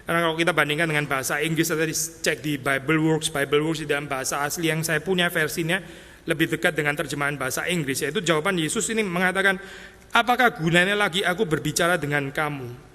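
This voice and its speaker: Bright-voiced pastor preaching in a reverberant hall. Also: male voice, a little high, quick pace. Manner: casual, conversational preaching with lively acted-out quotes. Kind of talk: sermon.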